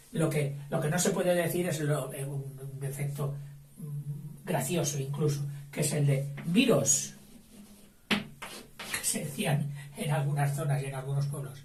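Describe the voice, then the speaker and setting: Heard from a distance in a loud, echoing space, a fairly high-pitched man gives a slow spelling dictation. He breaks words into syllables and spells out their letters one by one.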